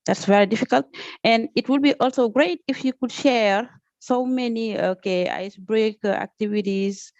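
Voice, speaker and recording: A woman's voice: on the high side, normal speed, darkish tone, no echo, highs cut off. A woman from Senegal with a Senegalese accent, a teacher speaking off the cuff in a group class, hesitant, repeating words and often saying "okay". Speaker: teacher taking part in an online training. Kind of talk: unscripted comment in a group class.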